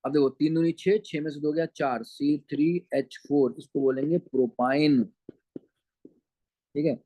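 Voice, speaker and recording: A man's voice: on the high side, steady tone, measured pace, dark tone, no echo, low-quality recording. A man teaching chemistry in an online lecture, with a Punjabi-flavoured Hindi accent. He calls his students beta and keeps asking whether they follow. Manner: addresses students as beta, keeps checking understanding.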